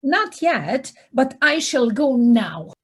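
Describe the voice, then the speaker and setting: A woman's voice: high voice, very animated, slow pace, breathy edge, full character voice. A woman playing a tired, good-natured female mole in a children's audio play, exclaiming and drawing out her words. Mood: polite. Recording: home video-call recording.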